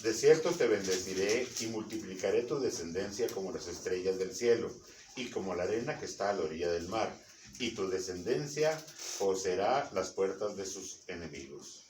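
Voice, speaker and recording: Deep-voiced man reading scripture from afar. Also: animated, darkish tone. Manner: slow, measured reading. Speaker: congregation member reading scripture. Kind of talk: reading aloud. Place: church hall. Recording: distant, echoey, noisy.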